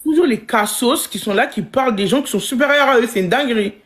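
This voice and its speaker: A woman's voice: on the high side, quick pace, very noisy. A woman livestreamer in a heated, repetitive, confrontational rant, full of slang, talking straight at her viewers. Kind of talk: angry live-stream rant.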